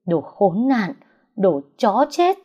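A woman's voice: fairly low pitch, animated, measured pace, a little mellow. A woman voicing a furious, betrayed young woman who screams accusations and chokes on sobs, in a story reading on dull, lo-fi audio. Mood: screaming, furious. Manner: shrieking accusations, breaking into sobs.

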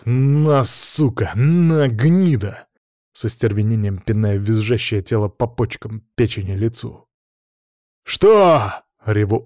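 A man narrates a first-person audiobook in a low, mellow voice. His telling is sardonic and coarse. The recording is dry and close, with no room sound. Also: no echo.

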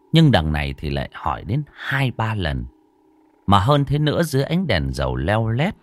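Deep-voiced man telling a ghost story. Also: dry recording. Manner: animated, rising and falling for suspense. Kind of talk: dramatic scripted narration.

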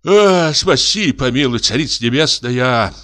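A man's voice: medium pitch, animated, unhurried, bright, forceful tone, voice pushed up. A man reading an audiobook voices a timid, pious old male forester who whines and sighs in fright. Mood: pious lament. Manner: whining, sighing, fearful.

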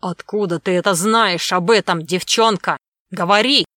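A cruel prince of a storybook villain snarls his orders loud and slow, as a woman puts him on. The sound is close and dry, without room echo. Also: on the low side, close to an everyday voice. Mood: furious. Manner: loud, growling, slow menacing commands. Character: cruel scheming middle-aged male prince villain.

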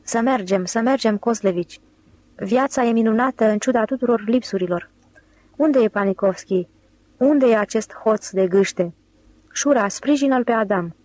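A woman's voice: fairly high pitch, a little mellow, natural voice, poor audio. Woman playing a bossy con-man leader. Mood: urging. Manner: bossy, brisk. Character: brash male con-man leader, commanding, ironic.

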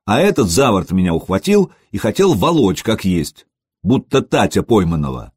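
A man's voice: on the low side, very animated, moderate pace, darkish tone, slightly rough, no echo, studio quality. A man voicing a young warrior telling his lord plainly what happened. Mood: matter-of-fact.

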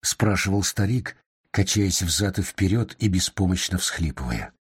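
A man reading a story aloud in a measured, expressive storytelling manner. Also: low-pitched, breathy edge. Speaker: narrator. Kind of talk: scripted audiobook narration.

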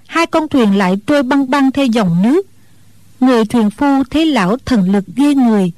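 A woman reads a storybook aloud in a steady, even storyteller's manner. Her voice sits a little high and sounds dry and close to the mic. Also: no echo. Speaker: audiobook narrator. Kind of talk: scripted storybook narration.

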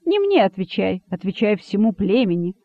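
A man's voice: high voice, big pitch swings, moderate pace, no echo, full character voice. A man voicing a wrathful, imperious male rabbit king who accuses and mocks, on a dry, phone-like recording. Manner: angry, accusing, sarcastic. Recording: dry, phone-like narrow sound.

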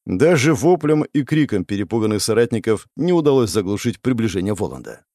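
Male audiobook narrator, dramatic fiction, very lively pitch, dry close sound. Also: a little fast, no echo. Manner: expressive storytelling, voicing the characters.

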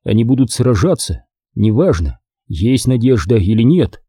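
A man narrating a horror audiobook in a measured, steady reading. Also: mid-range voice, husky, dry recording, studio quality. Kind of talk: scripted narration.

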